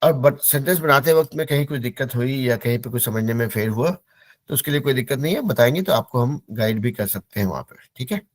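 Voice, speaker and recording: A man's voice: medium pitch, lively intonation, no room sound. Patient male teacher drilling English words. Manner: patient, repeats words slowly for pronunciation drill. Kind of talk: online class instruction.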